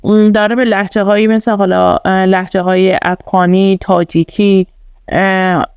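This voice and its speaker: In a casual screen-recorded tutorial, a woman walks through things step by step, using many fillers. Her mid-range voice has a darkish, clean tone with little pitch movement and no room sound.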